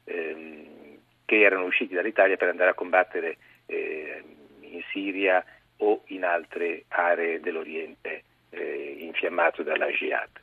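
A low-voiced man calls in by phone as a guest journalist, his tone measured and explanatory. The voice is husky and comes through a dry, tinny phone line. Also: fairly even intonation, no echo. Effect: heard over the phone. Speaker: magazine deputy editor, guest journalist. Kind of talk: phone-in news briefing.

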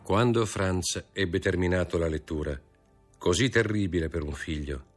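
A man with a very deep voice reads a classic novel aloud, measured and expressive. His narration moves steadily through the scenes. Faint music runs quietly behind him. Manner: measured, expressive literary reading. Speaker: audiobook narrator. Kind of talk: audiobook reading of a classic novel.

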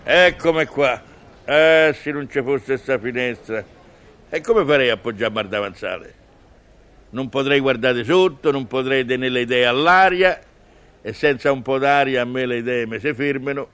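A man with a Roman accent, working as a comic monologist, gives a humorous, musing monologue in everyday dialect, chatty and wry. His voice is medium-pitched and fairly bright, at a moderate pace.

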